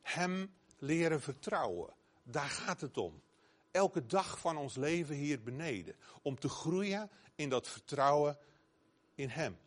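A man's voice: a little high, big pitch swings, takes it slowly. A man preaching a sermon earnestly, growing emphatic when he quotes scripture.

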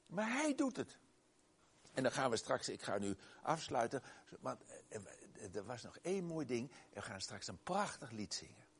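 A male preacher with a gravelly, slightly husky voice, delivering a sermon that weaves in a personal story. His pitch leaps around in lively swings as he exclaims, then drops to a hush. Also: moderate pace. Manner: emphatic, exclaiming, swings loud and soft.

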